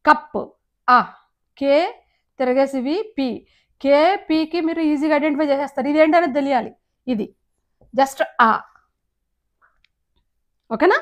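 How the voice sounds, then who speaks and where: High-voiced teacher with a Telugu accent. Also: female voice. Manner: patient, repeats words slowly and drills sounds. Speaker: English teacher. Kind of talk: explanatory lesson on pronunciation.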